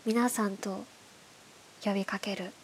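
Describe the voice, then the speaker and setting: A woman with a stuffed-up, nasal voice from hay fever, hosting a bedtime radio show in soft, breathy, casual chat that often drops toward a whisper. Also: mid-range voice, fairly even intonation, unhurried, rough recording. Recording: clearly audible background hiss.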